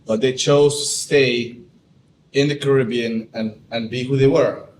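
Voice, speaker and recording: A Trinidadian man gives a personal talk, telling his story with mounting animation. His voice sits at an ordinary pitch. It comes from some distance in an echoey room, with faint noise underneath. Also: unhurried. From Trinidad and Tobago. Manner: storytelling, animated when recalling wonder.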